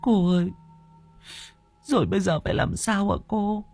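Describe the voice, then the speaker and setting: A man's voice: high voice, moderate pace, vocal fry, a little mellow, slightly rough, soft background music, pitched above the performer's own voice, exaggerated voice. A man voicing an elderly village mother who pleads tearfully for news of her lost daughter. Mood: anxious.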